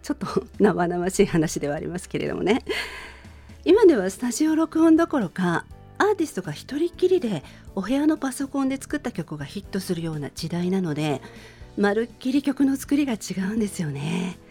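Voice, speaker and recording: A middle-aged woman hosts a radio show, introducing a song to her listeners in a polite, conversational monologue with music behind her. Her mid-range voice is sing-song and fairly quick, with a dark tone and a breathy edge.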